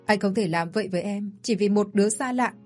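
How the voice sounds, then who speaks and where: A woman's voice: medium pitch, quick pace, darkish tone, soft background music, close to an everyday voice. A woman voicing a desperate young bride in an audio story, pleading and tearful. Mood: defiant.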